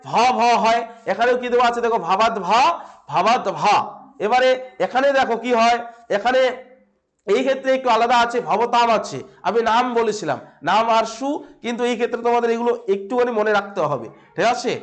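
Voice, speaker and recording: A man's voice: extremely high pitch, fairly quick. A male teacher with a Bengali accent gives a classroom grammar lesson, asking questions and repeating the answers as he checks on his students.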